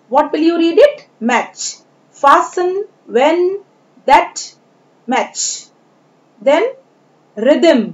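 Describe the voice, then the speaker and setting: Slow-spelling woman teacher, Indian accent. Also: high-pitched. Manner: slow, spells words letter by letter and repeats them. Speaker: English teacher. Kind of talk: classroom lesson on pronunciation. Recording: dull lo-fi recording.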